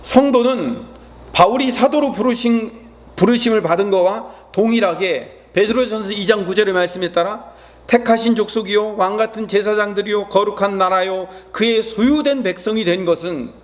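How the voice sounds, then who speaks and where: A man's voice: high-pitched, normal speed. A man preaching at an early-morning prayer service, earnest and full of rhetorical questions. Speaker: pastor. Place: church.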